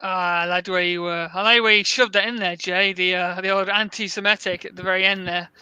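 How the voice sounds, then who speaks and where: Brief: man, bright crisp voice, dry close mic, joking co-host. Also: sits high, fairly even intonation, no echo. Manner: joking, quick asides, stammers. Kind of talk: casual reaction chat.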